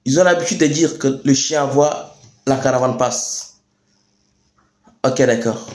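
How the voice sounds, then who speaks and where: A man's voice: medium pitch, darkish tone. Echoey, emphatic young Chadian man speechifying. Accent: Chadian French. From Chad. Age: young adult. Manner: emphatic, deliberate, with repeated phrases and rhetorical questions. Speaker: youth activist speaker. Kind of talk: rousing political address to youth. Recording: echoey room sound.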